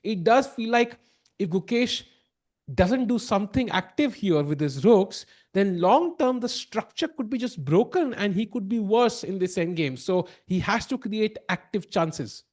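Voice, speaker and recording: An Indian-accented man with a slightly high voice commentates chess live on a stream. His delivery is casual and chatty, with plenty of friendly banter. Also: animated, unhurried, darkish tone. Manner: chatty, bantering, mixes Hindi and English.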